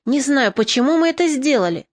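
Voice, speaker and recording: A woman's voice: high-pitched, animated, brisk. A woman reading an audiobook, voicing a frightened man disguised as a woman who pleads in a trembling way. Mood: pleading. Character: frightened cross-dressed man posing as a woman.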